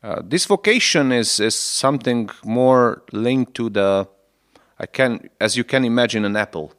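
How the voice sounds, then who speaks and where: A man in his forties, a Lutheran bishop from Transylvania, Romania, whose mother tongue is Hungarian, fields radio interview questions. He searches for words in halting but earnest English, speaking in a mid-range, fairly bright voice.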